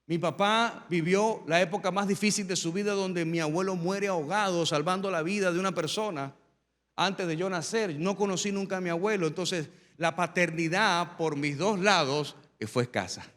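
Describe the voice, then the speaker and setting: High bright-voiced preaching pastor. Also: male voice, normal speed, big-room sound. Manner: storytelling, rising to loud emphatic preaching. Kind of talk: sermon with personal testimony.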